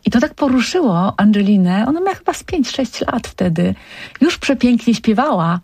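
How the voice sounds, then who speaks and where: Husky, gravelly woman radio host. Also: fairly high pitch, sing-song, normal speed, no echo. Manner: warm storytelling, tender diminutives. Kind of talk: radio interview. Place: radio studio.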